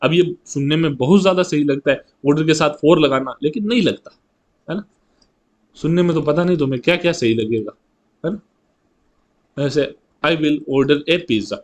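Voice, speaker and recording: A man teaching an exam-prep grammar lesson, chatty, asking rhetorical questions and reading example sentences slowly. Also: a little high.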